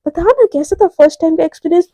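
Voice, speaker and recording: A woman voicing a playful young college girl who teases her friend loudly. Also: very high voice, expressive, quick pace, no echo, studio quality. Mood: teasing. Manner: teasing, playful, loud.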